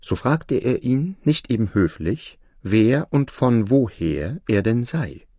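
A man narrating a folk tale in a measured, expressive storytelling reading. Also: medium pitch, no room sound, clean studio sound.

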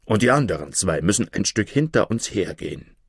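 A man voicing a strong, blunt blacksmith in a fairy tale, in a gruff, steady tone. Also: deep voice, a little fast, no echo, full character voice.

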